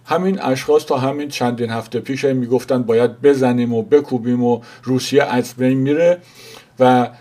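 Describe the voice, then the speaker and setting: Man, 60s, Iranian Persian accent. Mellow, even-toned news commentator, informal and halting, pausing to find words. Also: mid-range voice.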